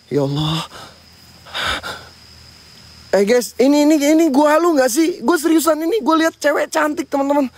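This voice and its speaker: A man's voice: extremely high pitch, expressive, moderate pace, long pauses. A man hosting a night ghost-hunting vlog outdoors near a sacred tree, jumpy and frightened as he talks to his viewers. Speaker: paranormal explorer and host.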